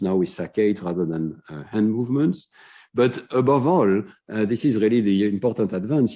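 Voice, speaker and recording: A middle-aged man delivers an academic conference lecture in a lowish, mellow and slightly husky voice. He explains research with enthusiasm, pausing often on "uh" and "um" as he walks through his points. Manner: explanatory, many "uh" fillers, enthusiastic about findings.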